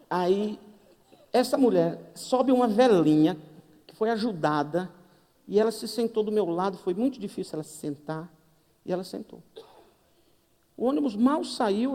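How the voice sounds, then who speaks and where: A Brazilian man preaches with a Brazilian Portuguese accent in a warm, mellow voice, acting out the dialogue of his story. His pitch rises and falls with lively humor. The sound carries the long reverb of a church hall. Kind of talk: sermon with storytelling.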